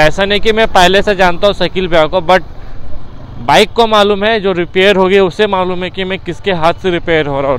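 A young man, chatting excitably as he vlogs his motorbike ride and a roadside bike workshop, dropping English words in. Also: a little high, rough recording. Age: young adult. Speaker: motovlogger. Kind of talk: casual vlog commentary while riding. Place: city streets and roadside bike workshop, outdoors. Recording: faint street and traffic noise.

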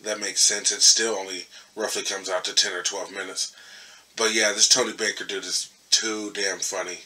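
A man's voice: on the low side, little pitch movement, normal speed, sharp tone, distant mic. A man hosting a reaction video, chatting casually and swearing freely. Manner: laid-back, casual swearing.

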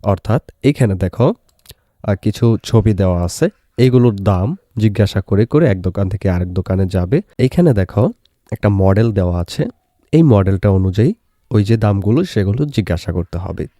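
A young Bangladeshi man teaching in a calm, patient way. He reads English sentences slowly and carefully. His voice is very mellow and sits a little low. It sounds dry and close to the mic. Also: no room sound. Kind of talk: classroom lesson explanation.

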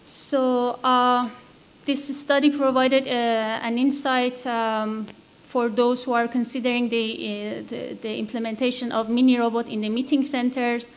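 A young woman presents research findings from a conference podium in a high voice. She is hesitant and fills gaps with ums and uhs. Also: little pitch movement, a little slow. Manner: hesitant, many fillers.

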